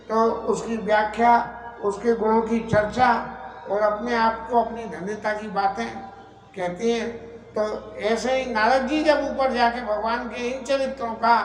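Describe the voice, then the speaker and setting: A middle-aged man giving a devotional scripture discourse, telling the story slowly and deliberately with long pauses. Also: extremely high pitch. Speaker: Ram katha preacher. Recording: roomy echo with faint ambience.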